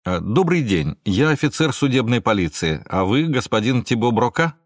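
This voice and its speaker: A man's voice: mid-range voice, big pitch swings, moderate pace, no room sound, clean studio sound. A male reader voicing a firm male police officer who gives clipped orders to a suspect. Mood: commanding.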